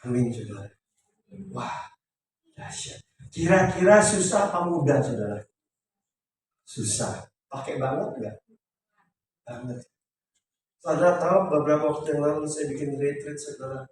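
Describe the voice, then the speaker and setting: A man preaching a lively sermon as a pastor, swinging between soft asides and loud declarations. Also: a little high, measured pace, pauses often, distant mic. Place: church sanctuary. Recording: echoey hall recording from afar.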